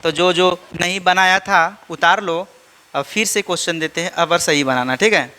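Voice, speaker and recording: A man's voice: sits high, normal speed, pushed and bright, smooth. A man teaching organic chemistry to a class, drilling students with repeated check-in questions and teasing them playfully. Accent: Indian. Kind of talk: classroom lecture.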